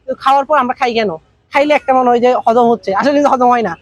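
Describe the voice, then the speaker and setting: A man teaches a business masterclass in a very high voice and at a quick clip. He talks colloquially and acts out little conversations to make his points. The recording is dry and close. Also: steady tone, dry recording, muffled recording. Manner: colloquial, tells anecdotes with acted dialogue. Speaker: business trainer. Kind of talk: masterclass talk.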